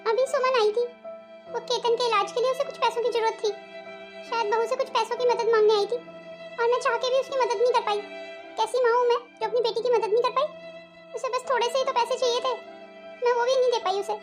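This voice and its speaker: A woman plays a gentle, patient mother-in-law in a cartoon, always pleading for peace in the family. Her voice is very high and she speaks quickly. Soft music plays faintly under her lines. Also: steady tone. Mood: sad. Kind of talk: cartoon voice acting.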